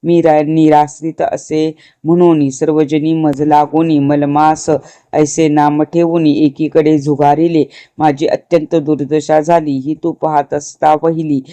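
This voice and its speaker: A man reciting the lament of a personified month that pleads with a god, in slow, chanted devotional verse. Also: on the high side, flat delivery, warm tone, no room sound, natural voice. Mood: pleading, grieving.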